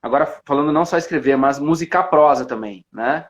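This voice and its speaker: A man interviewing a musician, asking quick, rambling questions from farther off the mic. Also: on the high side, highs cut off.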